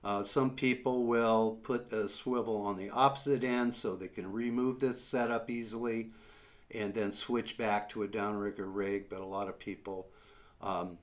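Seated at a table in a small room, this sixtyish fishing instructor gives a how-to demonstration, taking a fishing rig apart step by step in a slow, patient way full of uhs. His voice runs on the low side, and a camera facing him from desk distance picks it up.

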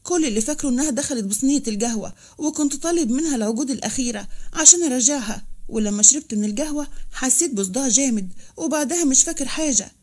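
A woman's voice: high voice, animated, racing, a little mellow. Woman voicing an indignant Egyptian rich boss. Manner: indignant, resentful. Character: rich male boss, proud and angry.

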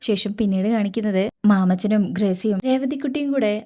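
Mellow woman recapping a serial. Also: mid-range voice, a little fast. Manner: steady, matter-of-fact retelling. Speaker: serial review narrator. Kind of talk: storytelling episode recap.

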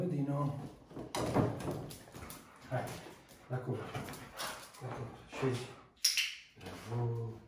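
A man who trains dogs, giving short repeated commands and lively praise at a training school. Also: mid-range voice. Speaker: dog trainer. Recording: roomy, distant mic, loud noise.

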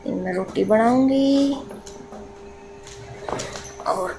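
A woman, calmly narrating her village chores in a homely running commentary for her vlog. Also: on the high side, drawn-out words, vocal fry, over music. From India. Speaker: village life vlogger. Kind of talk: casual voice-over narration of daily chores.

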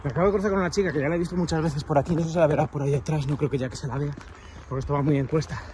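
A Peninsular Spanish man with a slightly raised pitch vlogs on the move, his sarcastic, rambling rant broken by the breathlessness of a steep climb. He is outdoors on a country path. Faint birdsong and open-air hum sit behind his voice. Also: fairly even intonation, racing, warm tone. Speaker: vlogger. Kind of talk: walking vlog rant to camera.

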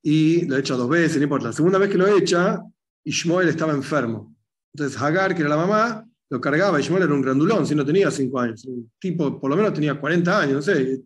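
A man teaching a relaxed religious class. His voice sits a bit high, and he tells stories with animated energy, acting out the voices of the people in them. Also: quick pace. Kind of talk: conversational religious lesson.

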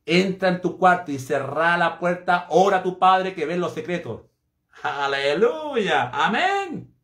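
A man's voice: sits high, steady tone, moderate pace, fairly bright tone, echoey room. A man preaching a sermon fervently and emphatically, repeating phrases for effect.

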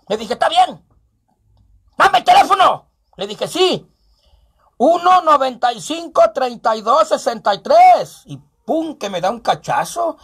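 A man's voice: very high-pitched, slightly rough. A man with a Mexican Spanish accent, hosting a comic local show as a clown, joking and reading out ads and phone numbers. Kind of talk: comic radio-style show with ads and news.

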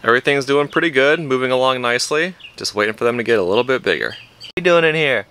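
Young man, vlog co-host, relaxed and jokey, bright voice, outdoor camera mic. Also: mid-range voice, quick pace, slight background noise. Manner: easygoing, joking, short replies. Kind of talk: casual chat. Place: outdoors in a sunny backyard.

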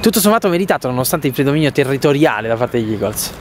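A man giving excited play-by-play football commentary in the manner of goal commentary. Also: medium pitch. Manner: animated, bursting into drawn-out shouts at goals and shots. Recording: crowd and outdoor noise behind.

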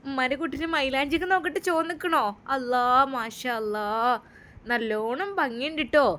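A woman's voice: sits high, normal speed, a bit bright. A woman voicing a doting elderly mother-in-law in a Malappuram accent, fond and fussing. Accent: Malappuram Malayalam.

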